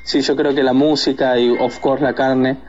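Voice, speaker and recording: A man's voice: mid-range voice, little pitch movement, moderate pace, darkish tone, highs cut off, soft background music. A man from Argentina with an Argentine accent, a guest talking casually in an interview, hesitant with many fillers and restarts. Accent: Argentine Spanish.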